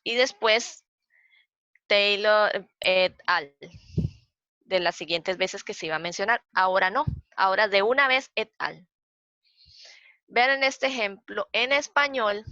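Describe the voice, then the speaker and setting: A woman's voice: medium pitch, pushed and bright, no echo. A woman with a Costa Rican accent, a librarian explaining slides in a training session, patient and repeating her points. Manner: patient, repeats points, counts aloud slowly. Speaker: librarian giving a citation workshop. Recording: dull, dry lo-fi sound.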